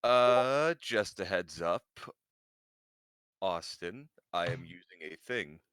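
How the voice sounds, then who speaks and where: Animated, bright-voiced, low-pitched man. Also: slow, smooth. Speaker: tabletop game player. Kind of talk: casual game chat.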